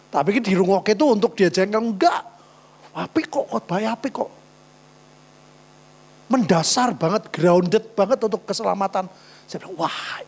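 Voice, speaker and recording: With a gravelly, husky voice on the high side, this man preaches in church as a pastor. He tells stories, frequently calls his listeners "saudara," and acts out quoted dialogue, while a faint mains hum runs beneath.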